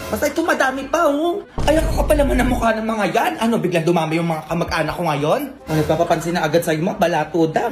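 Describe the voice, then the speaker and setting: A woman performing comic family skits, switching quickly between bickering characters. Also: lowish voice, darkish tone. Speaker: comedy sketch creator.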